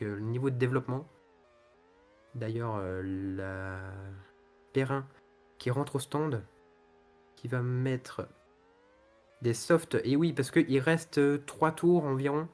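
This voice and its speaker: A man commentating on a motor race in a loosely improvised way, often hesitating as he searches for words. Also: medium pitch. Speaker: motorsport commentator and host of a racing league show.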